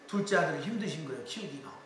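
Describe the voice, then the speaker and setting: A middle-aged man, fairly high-pitched and speaking rapid-fire, gives a public-speaking lecture full of lively stories and quoted voices. There's slight background noise, and his voice comes from far off in an echoey hall.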